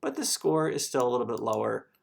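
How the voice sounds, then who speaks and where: A man calmly walking through a screen-recorded software tutorial, explaining each step as he clicks through. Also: mid-range voice, quick pace, gravelly, breathy edge.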